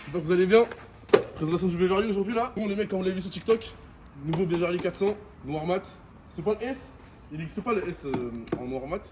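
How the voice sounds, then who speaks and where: Speaking fast in a high voice, this young man reviews things for the camera like a vlogger, chatting loosely in French suburban street slang. There's noticeable background noise around him.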